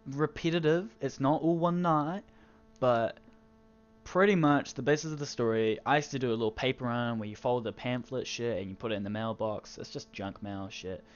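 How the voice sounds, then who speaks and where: A man's voice: medium pitch, normal speed, clear, resonant tone. A teenage man casually telling a crude, rambling story, swearing constantly. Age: teens. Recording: dull lo-fi recording with faint music.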